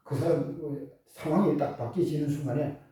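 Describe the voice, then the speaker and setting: A man preaching a sermon, animated, asking rhetorical questions and laughing often. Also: a little high, normal speed. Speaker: pastor. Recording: echoey hall, far from the mic.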